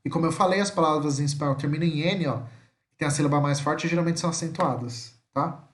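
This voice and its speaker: A Brazilian man teaching a slide-based lesson, patiently repeating each word slowly and checking in with his listeners. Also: a little high, roomy sound. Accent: Brazilian Portuguese.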